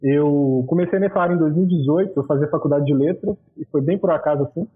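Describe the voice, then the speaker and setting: A man in his twenties joining a podcast over a video call, relaxed and easygoing. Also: fairly high pitch, quick pace. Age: 20s. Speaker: designer and editor. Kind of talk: casual chat on a video call. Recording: tinny video call audio.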